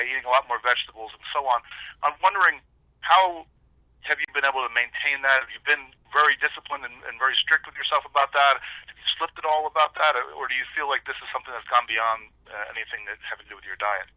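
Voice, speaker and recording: A man's voice: mid-range voice, fast, bright, forceful tone, dry recording, poor audio. A man working as a sports reporter, politely putting long, wordy questions on a press conference call. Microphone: telephone.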